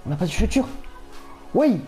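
A young man commentating his own football video game match, excitable and quick to shout and repeat himself. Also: high voice, loud music behind the voice. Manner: excitable, shouts at big moments, repeats phrases rapidly. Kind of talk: casual live gameplay commentary.

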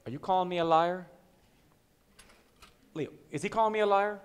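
Man playing swaggering high-voiced mob boss. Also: normal speed, clear, resonant tone, in a large hall, close to an everyday voice. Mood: menacing. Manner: theatrical, swaggering, needling. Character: Italian-American mob boss, touchy, grandiose, menacingly genial. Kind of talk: stage comedy acting. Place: church-style hall stage before an audience.

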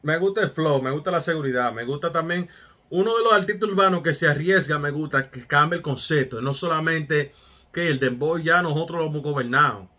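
A man's voice: a little high, brisk, bright, forceful tone. Hyped man reacting to music. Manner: hyped, repeats street catchphrases, talks to viewers. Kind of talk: casual reaction commentary.

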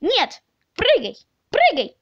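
A woman voicing a boastful, stubborn little boy who shouts indignantly in a storybook reading. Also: extremely high pitch, wildly swooping pitch, slow, no room sound, lo-fi sound, pitched above the performer's own voice, heavily acted. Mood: offended.

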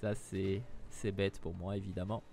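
A man's voice: deep voice, flat delivery, moderate pace, gravelly, mellow. A man with a Liège accent commentating a video game, joking with viewers and putting on silly voices. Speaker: let's play gamer. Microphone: new microphone. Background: game music.

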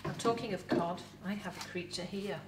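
A museum educator, middle-aged, English-accented, and in costume, gives a chatty, lively food talk to camera with props in an indoor set. She speaks at normal speed with medium pitch. Heavy background noise and a roomy echo leave her voice sounding distant.

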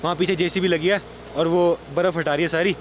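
A young man vlogging casually, chatty and excitable, talking straight to his viewers. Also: a little high, brisk, slight background noise. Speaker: travel vlogger. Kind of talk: casual vlog narration.

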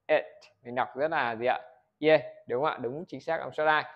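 A man's voice: mid-range voice, normal speed, dull audio. A Vietnamese man teaching English pronunciation in a video lesson. He keeps asking the viewers questions, answers them himself and models words for them to repeat.

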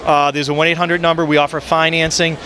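A man in his forties with a fairly high voice talks up his product in an upbeat, salesy way, filling pauses with ums. He holds a handheld mic on a busy trade show floor, and clear crowd and hall noise run behind him. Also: level tone, bright, forceful tone. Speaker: photo booth maker.

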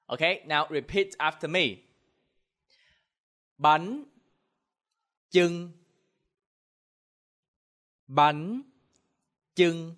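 A young man with a Southern Vietnamese accent, teaching a language lesson with deliberate word-by-word enunciation into a handheld microphone. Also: a little high, a bit bright. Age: young adult. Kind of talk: language lesson, slow repeat-after-me drilling.

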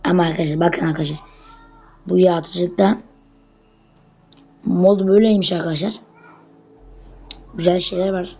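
Chatty young gameplay streamer, mid-pitched. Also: normal speed, long pauses, husky, highs cut off. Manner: chatty, constantly addressing viewers as friends; excitable bursts while fighting. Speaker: gameplay YouTuber. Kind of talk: casual gameplay commentary.

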